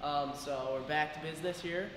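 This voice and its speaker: A young man with a slightly high voice hosts in an easy, chatty way, prompting his guest with questions. He is caught from a distance by the camera in a hollow, reverberant room. Background noise sits behind him. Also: fairly even intonation, normal speed. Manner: casual, friendly prompting questions. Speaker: video host asking questions. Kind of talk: casual walkthrough interview. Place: large empty classroom under construction, indoors. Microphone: camera mic from a distance. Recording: echoey bare room, mic far off, background noise.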